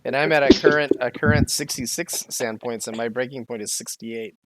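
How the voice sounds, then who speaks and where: A man's voice: medium pitch, brisk, a little hiss or hum. A man playing in a tabletop game, chatty and playfully teasing the others. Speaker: player. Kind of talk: casual tabletop game chat.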